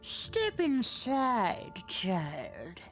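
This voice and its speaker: Very slow, odd rug seller. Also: female voice, fairly high pitch, huge pitch swings, soft background music, heavily acted. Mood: coaxing, sly. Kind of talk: video game character acting.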